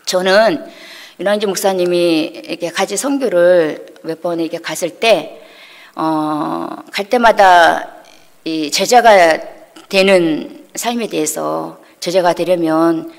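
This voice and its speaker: A woman's voice: fairly low pitch, slow pace, gravelly. A middle-aged woman telling a personal testimony in church, acting out quoted dialogue with feeling. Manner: emotional storytelling, acts out quoted dialogue. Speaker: church member giving testimony. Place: church sanctuary. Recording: long hall reverb.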